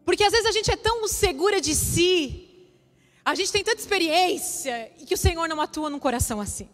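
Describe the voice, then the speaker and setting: A woman's voice: extremely high pitch, animated, fairly quick. A woman preaching a sermon, sharing a personal testimony with emotional, emphatic repetition. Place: church hall. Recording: reverberant hall with soft music.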